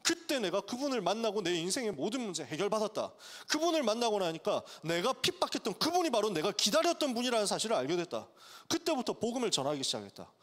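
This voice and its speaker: A male pastor preaching to college students, telling the story in a lively way and acting out its characters' voices. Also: sits high, quick pace. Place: church sanctuary. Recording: long church hall reverb.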